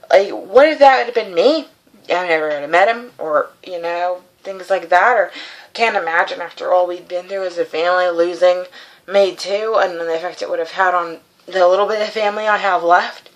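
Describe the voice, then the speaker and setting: A woman's voice: lowish voice, low-quality recording. A woman in her twenties giving an informal, heartfelt video message in an earnest, encouraging manner. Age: 20s. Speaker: vlogger sharing a personal message of support. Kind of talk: informal, heartfelt talk to camera.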